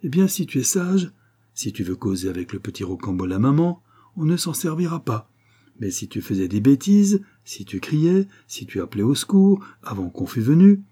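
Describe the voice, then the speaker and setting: A sly young swindler coaxes in a honeyed, wheedling murmur, dark-toned and husky, as a man reading the book puts him on. The voice stays low and close, sweet on the surface. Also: big pitch swings, normal speed. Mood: coaxing. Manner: wheedling, mock-humble.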